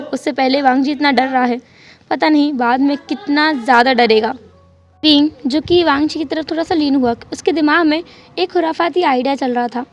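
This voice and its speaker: A woman telling a fan fiction story in an animated, dramatic way. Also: high-pitched. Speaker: channel storyteller.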